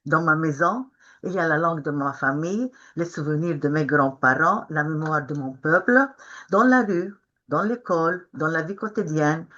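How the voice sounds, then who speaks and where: An older Israeli woman, a peace activist serving as a webinar panelist, first recites her talk and then speaks freely, often halting, searching for words and restarting. Her low voice is a bit bright, with the highs cut off by the video call microphone.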